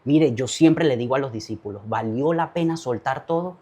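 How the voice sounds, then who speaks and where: Man, pastor, fervent testimony storytelling, preacher cadence, mid pitch. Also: moderate pace, darkish tone.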